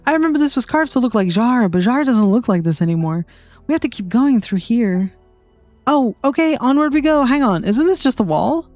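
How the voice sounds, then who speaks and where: A woman streaming a game playthrough, reacting excitedly, giggling and talking to her viewers. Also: fairly high pitch, a little fast, no room sound, faint music behind.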